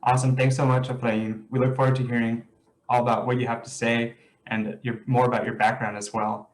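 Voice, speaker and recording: A man's voice: mid-range voice, level tone, brisk, poor audio. A man moderating a video call panel, thanking speakers and posing questions in a friendly, loose way.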